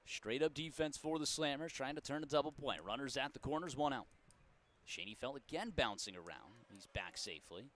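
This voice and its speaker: A man calling baseball play-by-play in a folksy, joking way, and he gets loud when the big plays come. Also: medium pitch, expressive, brisk. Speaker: play-by-play announcer.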